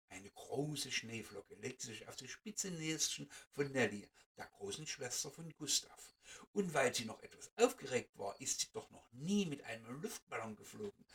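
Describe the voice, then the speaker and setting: Male storyteller reading a kids' tale, lively pitch, gravelly, mic set back. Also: recorded from a distance. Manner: animated, expressive read-aloud.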